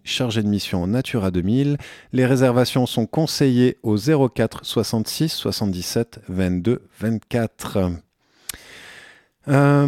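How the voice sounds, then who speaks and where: Man, radio host, events agenda, relaxed, hesitant, fillers, warm voice, dry sound. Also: medium pitch, dry recording. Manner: relaxed, hesitant, many fillers and self-corrections.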